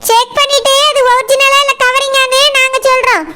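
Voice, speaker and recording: A woman voicing a shrill stern household matron. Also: level tone, moderate pace. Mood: scolding. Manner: scolding, firm. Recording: loud background noise.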